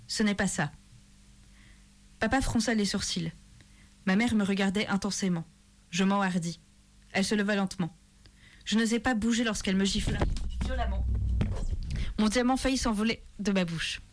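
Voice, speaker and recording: A woman reads a novel aloud in the first person, steady and measured. Her voice sits at a middle pitch, calm and even in delivery. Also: slight background noise. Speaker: reader. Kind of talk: literary reading in first person.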